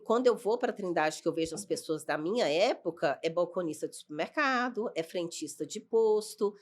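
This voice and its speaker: A woman, a podcast guest earnestly telling her life story in a casual chat. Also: mid-range voice. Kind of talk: personal testimony in casual chat.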